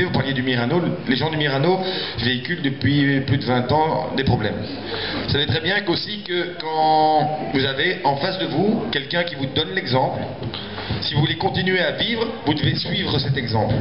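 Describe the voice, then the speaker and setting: A man representing a project at a public meeting, arguing persuasively in an insistent, explanatory way. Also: fairly high pitch. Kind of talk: spontaneous persuasive address. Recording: echoey, muffled hall with audience noise.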